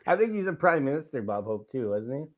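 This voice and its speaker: Male podcast host, mid-pitched, crude and teasing, laughs a lot. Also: sing-song, brisk. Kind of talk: casual comedic podcast chat.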